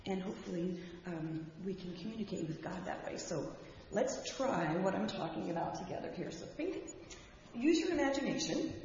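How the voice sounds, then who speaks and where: A woman giving the children's message in church, gently asking the kids questions and leading them through gestures. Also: mid-range voice, animated, moderate pace, a little hiss or hum. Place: church sanctuary. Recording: echoey hall from far off, dull.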